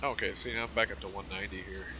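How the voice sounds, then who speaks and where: A man giving casual game commentary, rambling and thinking aloud, with train engines rumbling behind him. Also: steady tone, very fast. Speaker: gamer showing a train simulator. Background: loud train simulator engine noise.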